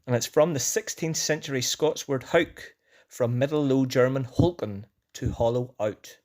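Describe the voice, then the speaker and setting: A man's voice: medium pitch, normal speed, darkish tone. Man narrating a language lesson. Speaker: narrator of an educational language video. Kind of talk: scripted explanatory narration.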